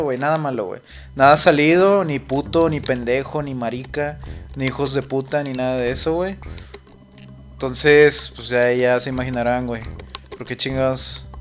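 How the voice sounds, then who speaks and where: A man's voice: mid-range voice, normal speed, soft background music. A young man with a Mexican accent streaming a game and chatting casually, rambling and swearing a lot, saying "güey" constantly. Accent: Mexican Spanish. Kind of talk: casual chat while gaming on a live stream.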